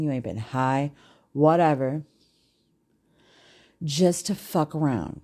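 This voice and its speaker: A woman's voice: sits low, a little mellow. A woman with children ranting in a casual podcast monologue, blunt and heavy on profanity. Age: adult with children. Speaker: podcast host.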